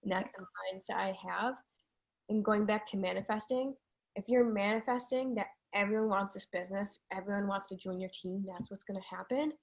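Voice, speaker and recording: A woman's voice: mid-range voice, brisk. A woman hosting a video call, giving an emphatic, encouraging pep talk about money and mindset. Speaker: host. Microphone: video call microphone.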